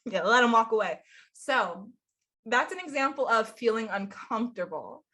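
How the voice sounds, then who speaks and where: A woman's voice: fairly high pitch, animated, moderate pace, a bit bright. A young adult woman with a congested voice, talking casually to camera as a spiritual coach, chatty and upbeat with frequent laughs. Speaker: spiritual coach and channel host.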